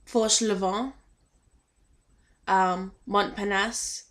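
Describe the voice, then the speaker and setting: A woman's voice: mid-range voice, fairly even intonation, slow pace. A young woman chatting casually in a fan vlog, hesitant and full of filler ums, a little shy. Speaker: vlogger.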